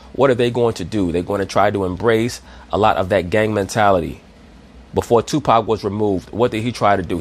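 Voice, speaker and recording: Low-voiced man lecturing his listeners. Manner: preachy, addresses listeners as brothers, rhetorical questions. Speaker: online commentator. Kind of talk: lecturing commentary monologue.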